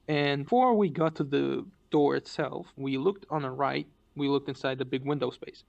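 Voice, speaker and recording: Gravelly male storyteller, casual, rambling and profane, lots of false starts. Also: mid-range voice, moderate pace, darkish tone, highs cut off. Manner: rambling, profane, with frequent restarts.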